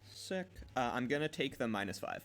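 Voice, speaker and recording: A man's voice: medium pitch, big pitch swings, moderate pace, a bit bright, faint music behind. A man playing a character in a tabletop game, talking casually and hesitantly with fillers and restarts. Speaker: player.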